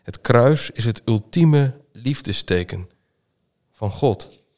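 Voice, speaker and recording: A man reading scripture and giving a sermon meditation in a slow, measured, solemn way. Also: medium pitch, animated, a little mellow. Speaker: preacher.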